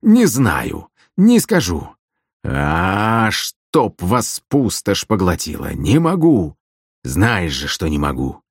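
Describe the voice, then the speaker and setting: For a storybook reading, a man heavily acts out a hungover middle-aged minstrel who groans and whines through every complaint. His deep, low, husky voice has lively intonation and a slow pace, recorded dry and close with no echo.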